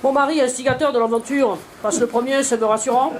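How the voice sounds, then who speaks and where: A woman's voice: high-pitched, steady tone, fast, crowd noise. A middle-aged woman comedian telling a self-mocking story on a theater stage. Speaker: stand-up comedian. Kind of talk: stand-up storytelling. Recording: live theater with loud audience laughter.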